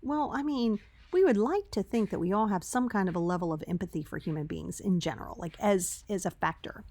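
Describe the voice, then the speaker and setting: A woman's voice: medium pitch, animated, a little fast, mellow. A woman hosting a podcast in casual, conversational solo talk, recorded on a laptop's built-in microphone that sounds tinny. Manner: chatty, conversational, rhetorical check-ins. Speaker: podcast host. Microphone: laptop microphone, with headphones on.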